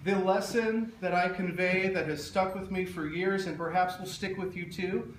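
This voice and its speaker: Recorded in a roomy space from a distance, a man with a fairly high voice delivers a funeral eulogy. He speaks tenderly and haltingly, in measured phrases with pauses. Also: steady tone. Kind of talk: funeral eulogy, public speech. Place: echoey room, speaking to a gathering. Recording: roomy echo, distant mic, faint noise.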